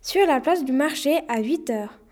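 Story role: hesitant young boy, stammering, softer and lower, read by a woman. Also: animated, a little slow. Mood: casual. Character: nervous young boy climber.

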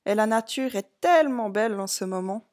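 A woman's voice: medium pitch, expressive, a little fast, darkish tone, close to an everyday voice. A woman voicing Autumn, a kind, playful male spirit of the season, speaking in a slightly raised, enthusiastic way.

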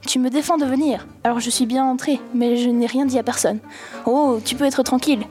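Brief: a woman reading a rambling, pleading teen boy, mellow low-key voice. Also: steady tone, a little fast, soft background music, close to an everyday voice. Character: impulsive teenage boy, pleading and tearful.

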